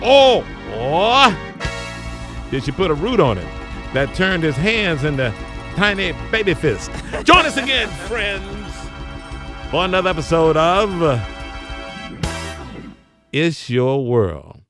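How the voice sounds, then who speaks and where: A man's voice: a little high, very animated, slow, pauses often, music in the background. A man hosting a radio show, wrapping up a comedy sketch in a playful, theatrical way.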